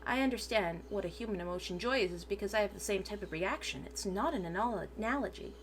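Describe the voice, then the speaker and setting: A woman's voice: mid-range voice, animated, quick pace, slight background noise. A woman VTuber reading a transcript aloud for her stream, sometimes stumbling over words and correcting herself.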